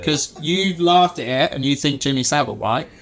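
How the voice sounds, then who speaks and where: Comedian telling a story. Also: male voice, a little high, expressive, fairly quick, faint music behind. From Warwickshire, England. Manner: storytelling, acts out quoted dialogue. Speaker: stand-up comedian, guest. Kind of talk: casual chat, anecdotes.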